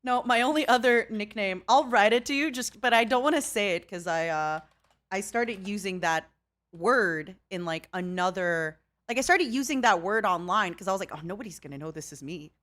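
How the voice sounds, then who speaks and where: A woman's voice: medium pitch, moderate pace. A young woman streamer chatting casually, acting out what people said as she tells a story. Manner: animated storytelling, acting out quotes. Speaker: streamer host. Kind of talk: casual chat.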